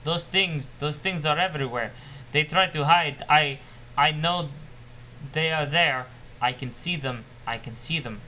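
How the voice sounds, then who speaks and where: A man's voice: fairly high pitch, a little slow, sharp tone, slight background noise. A man voicing a bitter, obsessive male scientist losing his mind, ranting and paranoid in a put-on Russian accent. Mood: panicked. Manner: ranting, paranoid, self-pitying.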